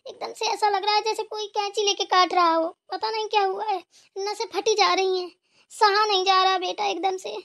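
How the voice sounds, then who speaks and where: A woman's voice: extremely high pitch, steady tone, normal speed, gravelly, fairly bright tone, full character voice. A woman voicing an elderly cartoon mother-in-law who is in pain and pleading for help, in a complaining tone. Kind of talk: cartoon voice acting.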